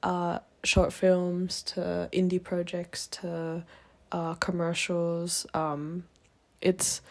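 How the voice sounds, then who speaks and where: A woman's voice: on the low side, completely flat delivery, extremely slow, vocal fry. Enthusiastic young woman guest. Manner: enthusiastic, agreeable, thoughtful with fillers. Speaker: guest, camera assistant. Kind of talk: casual interview chat.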